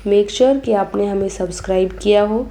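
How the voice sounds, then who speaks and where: A woman's voice: mid-range voice, fairly quick, mellow. A young woman teacher going through an exam paper, reading each option aloud and then giving the answer.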